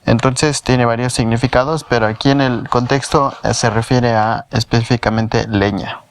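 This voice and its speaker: A man's voice: mid-range voice, fairly even intonation, normal speed, clear, resonant tone. A man with a Mexican Spanish accent gives a patient whiteboard language lesson, repeating words syllable by syllable. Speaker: language teacher. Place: home in a shared housing block.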